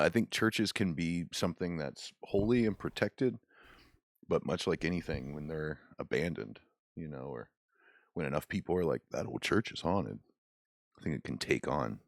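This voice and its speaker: A man's voice: rumbling low, vocal fry, no room sound, clean studio sound. A man hosting a podcast, reading listener stories aloud and joking casually with a co-host. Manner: laid-back, jokey, swears casually.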